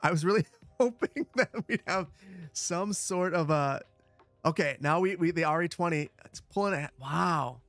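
A man hosts a gaming livestream in casual, chatty style, with a boomy sound that sits a little high in pitch for a man. He is close on a broadcast microphone in a dry space, with light music behind him. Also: normal speed, a bit bright, no echo. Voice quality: boomy, bass-heavy sound on the mic. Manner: chatty, repeats short phrases. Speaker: livestream host, gamer. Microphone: close broadcast dynamic microphone.

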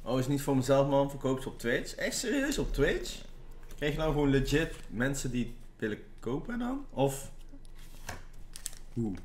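A man's voice: medium pitch, big pitch swings, normal speed. A man chatting casually with slangy banter. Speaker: co-host chatting along. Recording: roomy echo, faint background noise.

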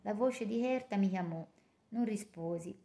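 Woman reading a novel, mellow voice. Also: mid-range voice, vocal fry. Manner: measured, expressive reading. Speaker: audiobook narrator. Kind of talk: first-person novel reading. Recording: roomy echo.

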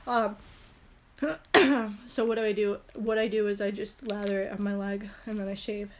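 In a small room, a young woman who has a head cold and a stuffy nose does a chatty, rambling product haul for her beauty vlog, using many fillers and a phone camera held close. Her medium pitch and tone stay steady at a normal speed, with slight background noise.

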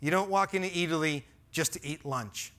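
On a big, darkened auditorium stage, a Boston-accented conference speaker in his forties presents through a headset mic. His voice sits a little high and runs a little fast, bright and forceful. He speaks earnestly and emphatically while gesturing.

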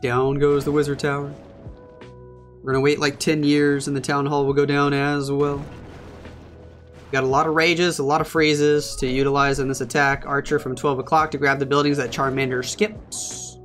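Bright, excitable male game caster. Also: fairly high pitch, faint music behind. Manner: excitable, quick reactions. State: hiccups. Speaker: esports caster. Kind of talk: solo esports play-by-play commentary.

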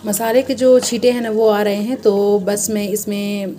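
Chatty woman cooking, mellow voice. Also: mid-range voice, little pitch movement, normal speed, a little hiss or hum. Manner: chatty, addresses viewers as friend, step-by-step explaining. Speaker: cooking channel host. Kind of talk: casual cooking demonstration. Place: home kitchen at the stove. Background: frying and sizzling from the pan.

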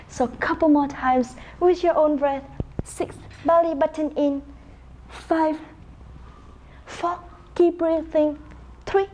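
A woman's voice: sits high, warm tone, a little hiss or hum. A young woman instructing a mat workout, giving directive cues and counts in an encouraging way. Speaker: pilates instructor. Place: bright room at home with wooden floor, indoors.

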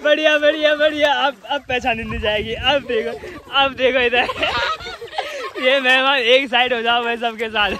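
A man's voice: very high-pitched, moderate pace. A man from Uttarakhand, chatting and teasing in a casual outdoor village vlog. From Uttarakhand, India. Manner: playful, teasing, loud bursts of excitement. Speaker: vlogger. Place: outdoor village rice fields. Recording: outdoor field with crowd noise.

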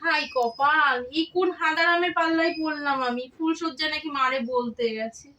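A woman's voice: high-pitched, moderate pace, sharp tone. A woman playing a frustrated new bride who scolds her naive husband in a comic sketch. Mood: exasperated. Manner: exasperated, scolding. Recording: distant mic, faint noise.

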